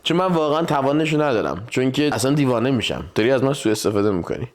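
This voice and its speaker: A man's voice: mid-range voice, lively intonation. A man in his thirties with an Iranian Persian accent, co-hosting a couple's vlog in an easygoing, teasing way and speaking straight to the viewers. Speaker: vlogger co-host. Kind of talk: casual couple Q&A chat.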